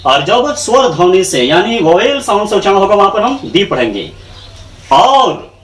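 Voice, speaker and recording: A man giving a grammar lesson, his pitch high and swinging widely as he drills each rule. He repeats every point twice over and keeps checking that listeners follow. The sound is roomy and echoing, with the mic set back from him. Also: big pitch swings, normal speed. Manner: repeats each point in English and Hindi terms, asks rhetorical checks. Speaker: English grammar teacher. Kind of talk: classroom lecture. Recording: echoey room, mic far off.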